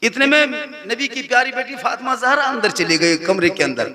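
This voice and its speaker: A man preaching a devotional sermon, telling a story in rhythmic repeated lines and swinging from hushed tones to loud declamation before a live audience. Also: very high-pitched, lively intonation, a little fast. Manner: repetitive rhythmic listing. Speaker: Islamic preacher. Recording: live gathering with an audible crowd.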